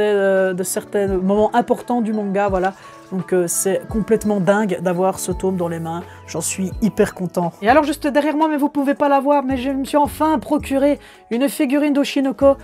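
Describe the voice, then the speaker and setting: A man's voice: high voice, mellow. A young man in his twenties, an enthusiastic manga collector showing off his purchases in a casual video at home, often hesitating with fillers. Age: 20s.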